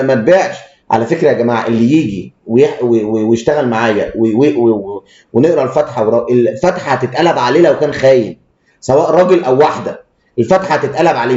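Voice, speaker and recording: Here the man's voice is medium in pitch with a darkish tone. His Egyptian Arabic accent comes through as he gives fast, blunt and crude technical commentary on stocks, often breaking off to start over, all recorded in an echoey space with muffled lo-fi quality.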